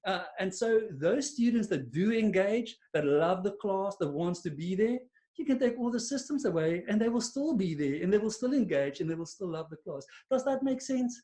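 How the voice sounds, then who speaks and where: On a video call, an Afrikaans-accented South African man gives a webinar talk to listeners who stay silent. The voice is high and animated with a dark tone at normal speed, and his chatty, self-deprecating delivery is peppered with fillers and false starts.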